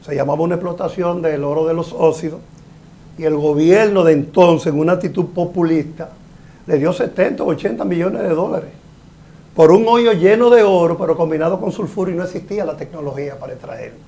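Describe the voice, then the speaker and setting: An older man with a notably high speaking voice talks through a technical subject on a panel show. He explains at length in a measured way and leans into his points now and then. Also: warm tone. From Dominican Republic. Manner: explanatory, measured, occasionally emphatic. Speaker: guest engineer. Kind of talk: panel talk show discussion.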